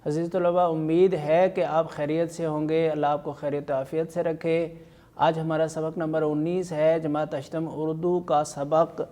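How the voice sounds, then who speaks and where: Man, teacher, online lesson, repeats words for pronunciation, higher voice, mellow. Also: little pitch movement. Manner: slow, careful dictation of words and vowel marks.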